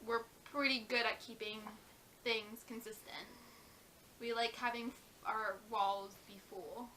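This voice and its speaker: A young woman co-hosting a casual vlog chat, blunt and quick to chime in with advice. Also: a little high, steady tone, pushed and bright, a little hiss or hum. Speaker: vlog co-host.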